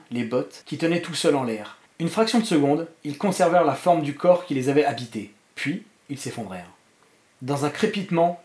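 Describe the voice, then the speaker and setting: Man reading a novel aloud with theatrical weight. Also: a little high. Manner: slow, deliberate, theatrical narration. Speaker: host of a film podcast. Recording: roomy echo.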